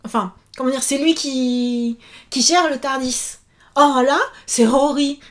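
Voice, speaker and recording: A woman in her thirties chatting casually to camera in a vlog, animated and full of fillers. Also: high-pitched, slow pace. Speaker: YouTuber and author.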